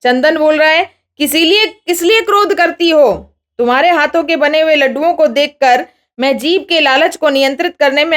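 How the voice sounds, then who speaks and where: High-voiced woman teaching a lesson. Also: fairly bright tone. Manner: reads each Sanskrit phrase slowly, then explains it with questions to students. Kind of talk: Sanskrit lesson explained in Hindi.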